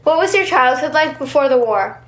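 High-voiced woman podcast host. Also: lively intonation, moderate pace, a bit bright. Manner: short plain questions. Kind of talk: podcast interview questions.

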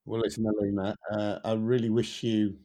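A man hosting a podcast interview, asking gentle, measured questions. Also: fairly low pitch, flat delivery. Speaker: podcast host.

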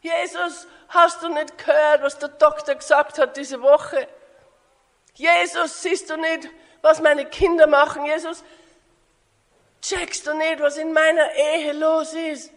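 Panicky scared disciples yelling for help , a woman acting them out, echoey hall. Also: high voice, little pitch movement, slow, voice pushed up, heavily acted. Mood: pleading. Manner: loud, pleading and frantic.

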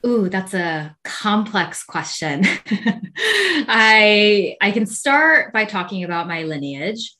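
A woman's voice: mid-range voice, expressive, takes it slowly, pushed and bright, slight background noise. A woman from South Korea, a podcast guest, giving reflective answers in an earnest manner with light laughs.

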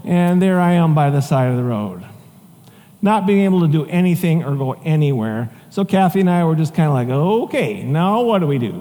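Pastor, male, high voice, storytelling sermon, long hall reverb. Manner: conversational, animated storytelling with asides and chuckles.

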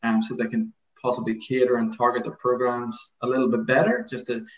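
A man's voice: mid-range voice, flat delivery, a little fast. A middle-aged man with an Irish accent, explaining things casually as an interview guest. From Ireland. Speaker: podcast guest, rugby coaching researcher. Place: converted garage office. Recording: dull, roomy remote recording.

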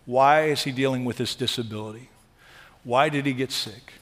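A man preaching a sermon, shifting between hushed, tender lines and loud, emphatic ones. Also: mid-range voice, normal speed, in a large hall. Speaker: pastor.

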